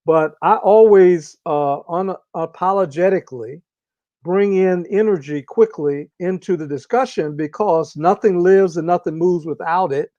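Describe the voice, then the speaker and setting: Man, interview guest, fairly high voice, measured and deliberate, dry dull lo-fi recording. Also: mellow, no echo. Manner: measured and deliberate, with drawn-out pauses. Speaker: interview guest, organizational consultant. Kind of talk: reflective conversational explanation.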